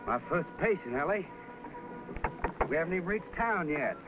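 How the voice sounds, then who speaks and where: An actor playing an easygoing Southern country doctor. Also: male voice, fairly high pitch, expressive, normal speed, music in the background, lightly acted. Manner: folksy drawl, easygoing. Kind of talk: 1950s TV western acting. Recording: dull lo-fi old TV soundtrack.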